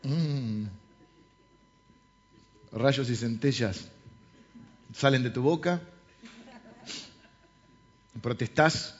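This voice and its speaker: A man's voice: medium pitch, extremely slow, long pauses. A man with a Rioplatense Spanish accent preaching a sermon as a pastor, joking and conversational, full of rhetorical questions. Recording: slightly dull lo-fi sound.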